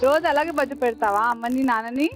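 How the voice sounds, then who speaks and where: A woman's voice: high voice, quick pace. A woman hosting a children's game show, cheery and coaxing, mixing English into her talk. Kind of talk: bubbly show hosting, Telugu mixed with English. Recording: music playing behind.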